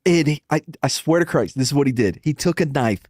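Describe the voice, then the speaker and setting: A man on a podcast telling a lively, profane story and laughing often as he goes. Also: a little high, a little fast, no room sound, studio quality. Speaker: podcast co-host. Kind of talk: casual chat, animated storytelling.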